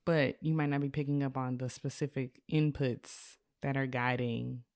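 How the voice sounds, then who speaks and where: Low-voiced woman co-hosting a podcast. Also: steady tone, normal speed, darkish tone. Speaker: podcast co-host. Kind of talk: casual chat.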